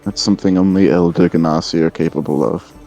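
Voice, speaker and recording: A man voicing a polite, dignified air genasi adventurer in a tabletop game, speaking in a measured, formal way. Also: deep voice, steady tone, gravelly, music in the background.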